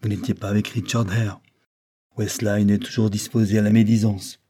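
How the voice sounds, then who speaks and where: A man's voice: fairly low pitch, little pitch movement, moderate pace, mellow, husky. A man voicing a sly barrister who coaxes and needles a witness in an audiobook. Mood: coaxing. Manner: coaxing and wheedling. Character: sly, insinuating male barrister.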